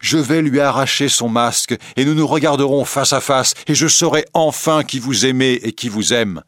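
Storybook figure: jealous young man , voiced by a male reader, raging and scornful, pitched up. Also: fairly even intonation, moderate pace, no room sound, studio quality, close to an everyday voice. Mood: angry. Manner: angry, bitter, ironic outbursts.

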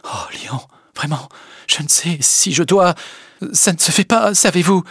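A man putting on a weary, conflicted married woman from a classic novel, her voice lifted higher and hesitant, at times dropping to a breathy near-whisper. The audiobook sound is dry and close. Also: animated, normal speed, fairly bright tone, no room sound. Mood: flustered. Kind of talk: audiobook reading.

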